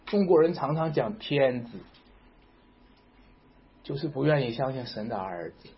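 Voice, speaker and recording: A man preaching a sermon, emphatic and repeating rhetorical questions to his congregation. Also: mid-range voice. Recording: dull lo-fi recording.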